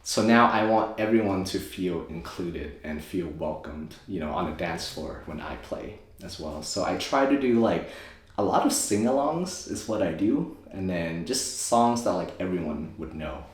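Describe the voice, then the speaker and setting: Low-voiced young man in echoey room. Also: animated, moderate pace. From Thailand. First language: Thai. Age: 20s. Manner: rambling, filler-heavy, self-correcting. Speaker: guest, optometrist and DJ. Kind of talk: casual interview storytelling.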